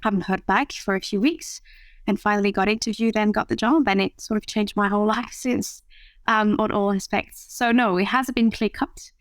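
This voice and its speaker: A French woman with a mid-range voice speaks at normal speed in a dry recording. She's a matchmaker guesting on a podcast, talking thoughtfully in an interview conversation with frequent fillers and restarts.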